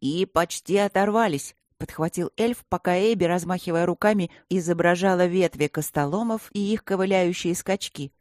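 A woman reading an audiobook with lively, expressive narration. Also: on the low side, fairly quick, few pauses, no room sound, studio quality.

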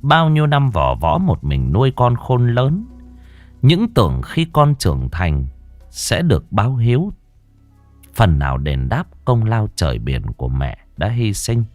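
Reading a scripted ghost story up close to the mic, the man sounds dramatic and sorrowful. His voice runs on the low side with a darkish tone, huge pitch swings and an unhurried pace, with no room sound and faint music behind.

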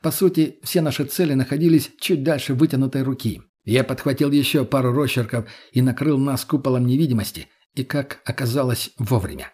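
A man narrating a story in the first person, steady and matter-of-fact. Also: medium pitch, brisk, few pauses, slightly rough. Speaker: audiobook narrator.

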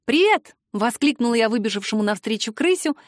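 A woman reads a first-person novel aloud in a fairly high voice, lively and expressive as she acts out the heroine. The sound is dry and close, with no room around it. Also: a little fast, dry recording. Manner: expressive, lively reading with heroine's lines acted. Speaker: audiobook narrator. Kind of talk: first-person audiobook narration.

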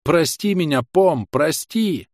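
An impulsive young warrior-mage hero who yells through fights and pleads hard for forgiveness, voiced by a male audiobook reader. The delivery swings widely in pitch. The sound is dry and close, with no room around it. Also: sing-song, normal speed, no room sound. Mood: pleading. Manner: shouting in battle, pleading apologies. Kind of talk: audiobook character voice.

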